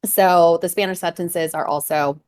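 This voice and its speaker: Low-voiced woman guest, dry sound. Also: steady tone, moderate pace, a little mellow, no echo. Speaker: guest from a voice center. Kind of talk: casual explanation in a live-stream conversation.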